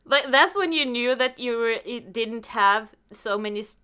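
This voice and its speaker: Speaking at a normal pace, this podcast host has a clear, resonant, slightly high voice. She keeps the conversation casual and brings her anecdotes to life by performing her own reactions.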